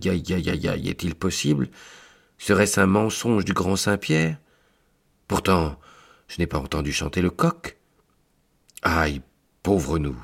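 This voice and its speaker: Man, storyteller, deep gravelly voice, slow and deliberate, dramatic first-person reading. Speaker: narrator and reader.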